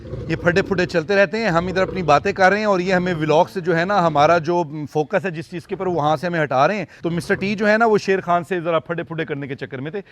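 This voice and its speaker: A man's voice: high-pitched, fast talker, fairly bright tone, a little hiss or hum. Chatty man. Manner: chatty, rambling, with many fillers. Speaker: vlogger and animal farm keeper. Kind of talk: casual vlog commentary. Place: outdoors by animal enclosures.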